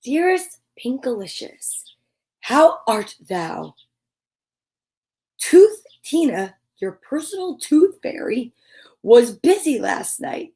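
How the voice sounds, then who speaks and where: A woman's voice: sits high, sing-song, slow, darkish tone, full character voice. A woman voicing a courtly male cupid reading out his flowery storybook letter, grand and formal.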